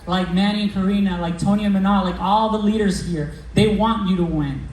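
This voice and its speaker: A man giving a motivational stage talk to a live audience, slangy and energetic, telling stories and quizzing the crowd. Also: high voice, fairly quick. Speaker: business coach speaking at a recruiting meeting. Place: event hall with a live audience. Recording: roomy hall, mic from a distance, faint background noise.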